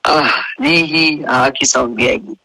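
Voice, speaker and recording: A man gives a tajweed lesson. He draws out each recited verse in a bright, slightly raised voice, then switches to brisk explanations dotted with checking questions. The recording is close and dry, with no room sound. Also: a little high, steady tone, no echo, poor audio. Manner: slow, drawn-out recitation alternating with brisk spoken explanations; checks understanding with repeated rhetorical questions. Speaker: Quran recitation teacher.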